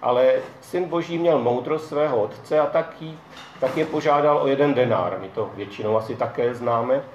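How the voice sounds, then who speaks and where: Calm male narrator in an echoey room. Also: mid-range voice, a little hiss or hum. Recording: dull echoey room, faint ambience.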